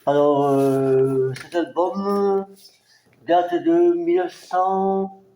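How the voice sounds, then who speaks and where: A man from France casually presenting his record collection, halting and hesitant, with many fillers. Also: on the high side, fairly even intonation, mellow, echoey room. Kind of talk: casual collection show-and-tell.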